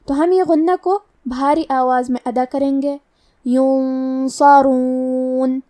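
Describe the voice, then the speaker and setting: A woman's voice: high-pitched, warm tone, no echo, clean studio sound, distant mic. A woman teaching Quran recitation rules step by step, patient and methodical. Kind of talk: tajweed lesson explaining rules.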